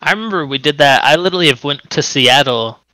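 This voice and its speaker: A man's voice: a little high, fast, bright, forceful tone, no room sound, low-quality recording. A young man in a casual chat who swears a lot and laughs through his stories.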